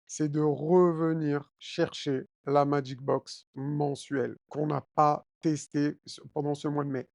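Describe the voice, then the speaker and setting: A man's voice: on the high side, creaky, darkish tone, no room sound, studio quality. A man casually talking viewers through a trading chart, with many fillers and frequent check-ins with his audience. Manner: addresses viewers directly with frequent d'accord and hein. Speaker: crypto trading YouTuber. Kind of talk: chart analysis walkthrough.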